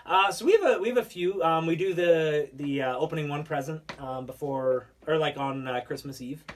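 A man co-hosting a casual podcast chats in a slightly high voice at normal speed, phrasing things hesitantly with lots of likes and ums. He's in a podcast recording studio, sitting a little distant from the mic.

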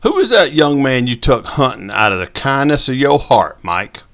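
A man's voice: medium pitch, very animated, normal speed, fairly bright tone, voice pushed up. A man doing a wry old joker.

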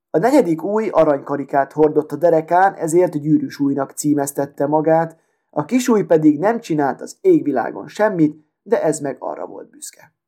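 Storybook figure: a conceited lady needle, full of airs, proud and affected, with a fairly high but mellow voice, read by a man. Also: close to an everyday voice. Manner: proud, self-important, affected. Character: vain haughty female sewing needle.

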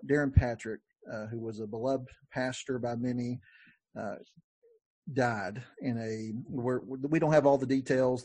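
Husky-voiced male podcast host. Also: mid-range voice, a little mellow, no echo. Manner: conversational, many fillers and restarts. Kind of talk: casual podcast talk.

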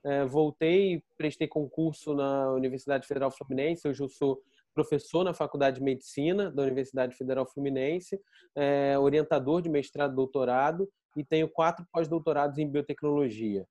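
A middle-aged scientist from Rio de Janeiro, Brazil, who directs pharmaceutical innovation, introduces himself conversationally as a panel guest in a Carioca accent. His voice is medium-pitched and warm, at a moderate pace, captured as clean studio sound with no echo.

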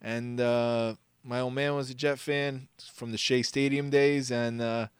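New guy, clear voice, dry studio sound, bantering about sports and poking fun at himself. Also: mid-range voice, flat delivery, a little slow, no echo. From Queens, New York. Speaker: sports show co-host.

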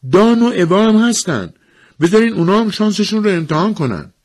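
A man doing a shrill, indignant village wife. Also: warm tone, natural voice. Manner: raised, insistent pleading. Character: shrill, indignant village housewife protesting unfairness.

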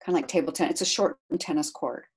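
A middle-aged woman talking about being a caregiver, chatty and animated, laughing often as she tells a story. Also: sits low, fast talker, husky. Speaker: guest, caregiver to her husband. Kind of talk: casual interview storytelling.

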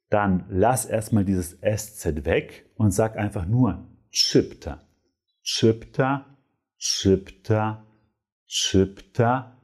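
A man's voice: fairly low pitch, darkish tone, slightly rough. A man teaching pronunciation in a patient way, repeating each word several times. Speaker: Polish teacher. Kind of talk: pronunciation lesson.

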